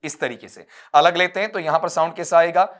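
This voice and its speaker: A man's voice: a little high, fairly even intonation, a bit bright. Man teaching phonetics, drilling sounds aloud. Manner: explains patiently, calls students "beta"; drills sounds slowly, one by one. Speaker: English teacher. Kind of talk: online exam-prep lecture. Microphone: recording from a desk for an uploaded class video.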